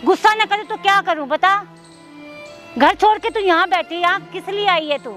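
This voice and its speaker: A woman's voice: very high voice, normal speed, fairly bright tone, faint music behind. An actress playing a harsh stepmother who nags and scolds her stepdaughter in a staged drama. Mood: scolding. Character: harsh scolding stepmother, middle-aged woman. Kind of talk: staged social drama acting.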